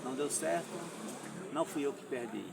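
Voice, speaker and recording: A man in his fifties from Alagoas, Brazil, once a candidate for mayor, tells his personal story slowly and deliberately in a podcast interview, his phrasing halting and formal. His mid-range voice is picked up from a distance, off-mic, with clear background noise.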